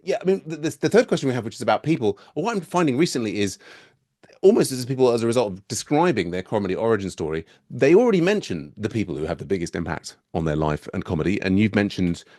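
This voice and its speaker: A man with a London accent hosting a casual interview, quick and excitable, with hesitant restarts when he asks his questions. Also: medium pitch, no room sound, clean studio sound. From England. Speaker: podcast host.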